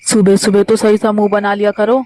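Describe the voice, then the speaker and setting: A woman's voice: medium pitch, completely flat delivery, brisk, darkish tone, slight background noise, voice pushed down, lightly acted. A woman doing a teasing young husband. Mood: coaxing. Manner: coaxing, playfully teasing. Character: teasing young husband, busy office man. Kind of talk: fan audio drama.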